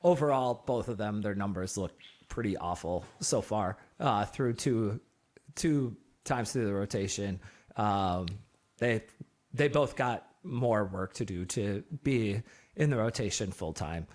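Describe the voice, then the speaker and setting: A man's voice: on the low side, animated, measured pace, a little mellow. A man hosting a casual sports podcast, rambling with lots of fillers and frequent laughter. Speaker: podcast host. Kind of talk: casual chat.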